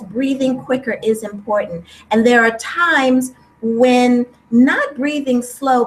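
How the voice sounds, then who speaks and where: A middle-aged woman, a breathwork teacher, speaking gently and warmly about breath and healing in an interview. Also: a little high, low-quality recording. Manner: gentle, soothing, heartfelt. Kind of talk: spiritual interview talk.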